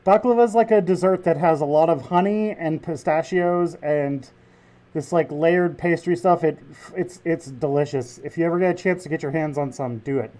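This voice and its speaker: Irreverent young man, bright high voice. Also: moderate pace. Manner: irreverent, joking, swears freely. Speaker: reaction video host. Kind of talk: casual reaction commentary.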